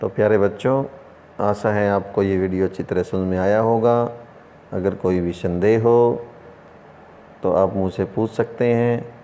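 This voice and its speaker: A man teaching an online lesson, who explains slowly by asking questions and then answering them himself. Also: on the low side, steady tone, mellow, slight background noise. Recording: room with long reverb.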